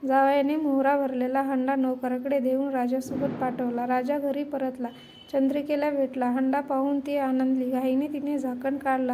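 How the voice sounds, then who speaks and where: A woman narrating a devotional story in a steady, measured storytelling manner. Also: high voice, slight background noise.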